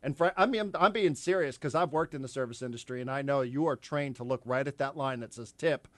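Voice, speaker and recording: Animated, rambling male radio host. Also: mid-range voice, quick pace, dry recording. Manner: animated, rambling with repeated words. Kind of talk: sports talk radio chat. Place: radio studio. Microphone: studio microphone.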